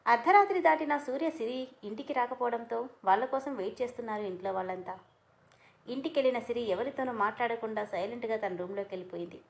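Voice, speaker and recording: A woman storyteller reading a romance story aloud, steady and even. Her voice sits fairly high. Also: quick pace, vocal fry. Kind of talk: scripted story narration.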